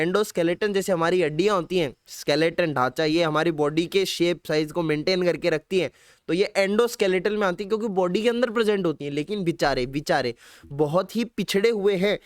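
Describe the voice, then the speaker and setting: A young male biology tutor with a Hindi accent, his voice pitched high and ringing clean and resonant. He drills his students by asking the same question again and again, and now and then slips a playful sung line into the lesson. The sound is dry and close, with no room echo. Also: clear, resonant tone. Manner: quizzes students with repeated questions; drops in playful sung lines. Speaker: biology teacher. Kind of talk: online exam-prep lecture.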